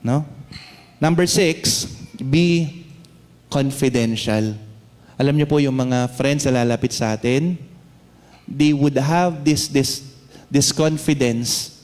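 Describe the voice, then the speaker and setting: A man with a Filipino accent preaching a sermon, switching between English and Tagalog, reading Bible verses slowly and often checking in with "no?". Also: mid-range voice, a little mellow. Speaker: pastor. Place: church hall. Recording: long hall reverb.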